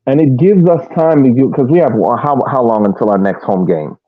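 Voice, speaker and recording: A soccer podcast co-host with a mid-range voice chats casually at normal speed, often repeating words as he restarts phrases. The line is tinny and phone-like, dry with no room sound.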